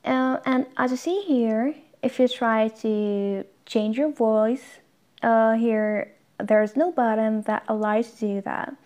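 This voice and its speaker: Tutorial host, woman, slightly high voice, plain step-by-step instructions. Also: slow, a little mellow. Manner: plain instructional, talks through each tap.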